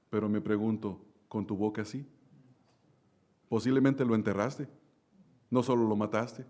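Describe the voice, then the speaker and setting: A male pastor preaching a sermon, slowing down to stress key words, asking the congregation questions and telling a lively story with sudden loud bursts. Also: medium pitch. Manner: preaching with slow drawn-out emphasis and direct questions to the congregation.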